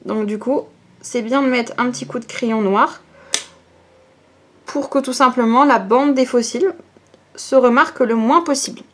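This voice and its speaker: A woman's voice: on the high side, measured pace, pauses often, a little hiss or hum. A young woman talking casually through her makeup routine, explaining each step with fillers and little "hop" sounds. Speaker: beauty vlogger. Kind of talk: casual get-ready-with-me makeup tutorial.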